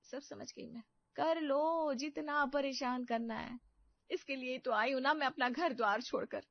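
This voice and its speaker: A woman voicing a shrill, melodramatic young bride. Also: measured pace, creaky, no echo, lo-fi sound. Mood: suspicious. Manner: whiny, accusing, theatrical wailing. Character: melodramatic young female daughter-in-law, self-pitying. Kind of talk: animated story voice acting.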